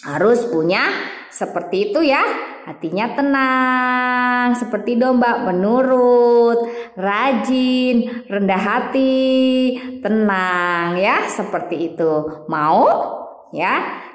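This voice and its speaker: A woman giving a children's sermon at church, animated and sing-song, stretching words out for emphasis. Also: on the high side, slow pace. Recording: echoey hall with long reverb.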